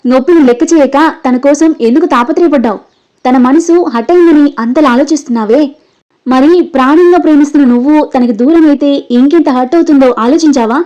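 A woman's voice: high voice, brisk, mellow, close to an everyday voice. A woman voicing an emotional, scolding young man. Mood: angry. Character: young man, pleading and scolding best friend. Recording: dull lo-fi recording.

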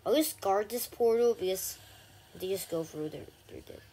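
A woman giving casual gameplay commentary, chatty with frequent ums and sudden excited shouts. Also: mid-range voice, normal speed, breathy edge. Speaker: gaming channel host.

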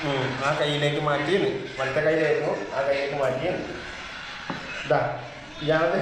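A man's voice: on the high side, flat delivery, moderate pace, echoey room, noisy background. A man filming a casual family vlog in a hospital room, chatty and teasing, laughing often. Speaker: family vlogger.

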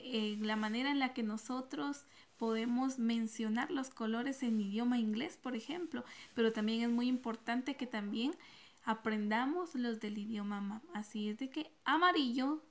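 A woman's voice: a little high, unhurried. A woman teacher giving a recorded online class, speaking patiently and repeating each word for her pupils.

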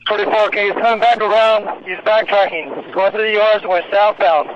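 Male air unit observer heard over a police radio, steady, hesitant, with dull lo-fi audio. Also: sits high, moderate pace. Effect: police radio transmission. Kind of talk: radio call-outs directing ground units. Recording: muffled radio with faint static.

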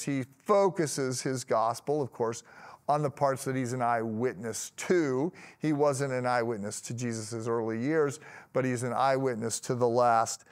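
An older man, a pastor in his sixties, giving an animated devotional talk to camera in a studio, often lifting his voice for emphasis. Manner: animated, gestures a lot, rises in pitch for emphasis. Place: studio with plain grey backdrop.

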